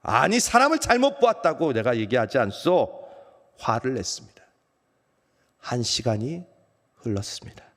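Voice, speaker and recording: A man, a pastor, speaking as the apostle Peter, a remorseful, ashamed grown man, in a first-person dramatic monologue in a church, swinging from loud outbursts to hushed low phrases. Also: sing-song, normal speed, long pauses. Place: church sanctuary. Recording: long church hall reverb.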